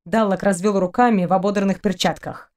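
A woman reading a science fiction novel aloud in an even storytelling manner. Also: medium pitch, fairly quick. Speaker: audiobook narrator. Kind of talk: scripted narration.

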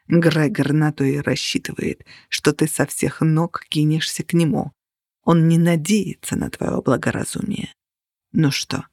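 A reader voicing a stern, protective male vampire who speaks low, firm and hushed. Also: creaky, no echo, clean studio sound.

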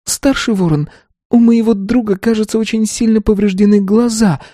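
A man's voice: moderate pace, warm tone, no room sound, clean studio sound. A man doing a naive, timid young woman. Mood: timid pleading. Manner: hesitant, pleading falsetto.

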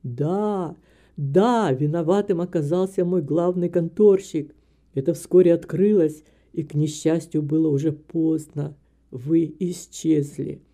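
A guilt-stricken old father speaks in a lowered, heavy voice, pleading for forgiveness in an audiobook, as a woman reader puts him on. His tone is dark and mellow. Each phrase sags under remorse. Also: fairly even intonation, measured pace. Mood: remorseful. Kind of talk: audiobook character reading.

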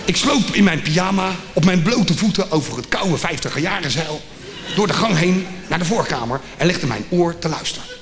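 A man from The Hague tells a comic story on stage, in a slightly high voice that jumps about as he acts out every voice. The live theatre recording carries a long hall reverb, with audible background noise and audience laughter. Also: animated, normal speed. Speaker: comedian.

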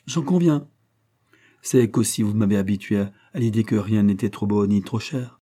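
A man's voice: on the low side, moderate pace, dark tone, lightly acted. A man voicing a cool, strong-willed young heiress. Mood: resolute. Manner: firm, cool and resolute.

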